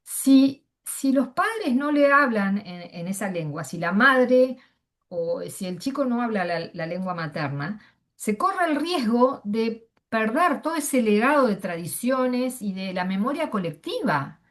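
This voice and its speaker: A middle-aged Argentine woman with an Argentine Spanish accent shares personal views on a panel as casual testimony. She speaks hesitantly, with many fillers and restarts. Her fairly high voice is animated and a little slow.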